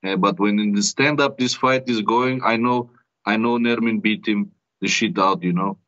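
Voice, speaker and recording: A male fighter with a fairly low voice and non-native, halting phrasing, giving casual interview answers peppered with filler tags. The audio is somewhat dull. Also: a bit bright. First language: not English. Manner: halting, repeats tags like "you know". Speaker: MMA fighter being interviewed.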